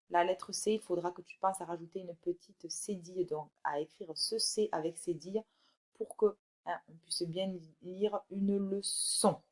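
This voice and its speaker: A woman teaching a recorded phonics lesson to young children, reading words slowly and clearly and encouraging the child directly. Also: medium pitch, darkish tone. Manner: slow, clear, drawn-out word by word reading. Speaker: primary school teacher.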